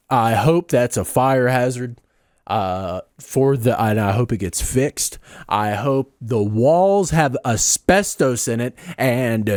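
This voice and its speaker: A man's voice: mid-range voice, no echo, studio quality. Sarcastic man reacting to a clip. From Southern United States. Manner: sarcastic, rambling, mock-serious, sudden soft asides. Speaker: reaction video host. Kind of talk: sarcastic commentary over a clip.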